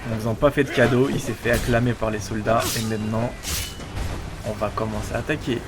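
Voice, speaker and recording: Man commentating a game over loud music. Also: fairly low pitch, flat delivery, brisk. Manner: explanatory, self-questioning. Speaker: let's player. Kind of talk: casual gameplay commentary.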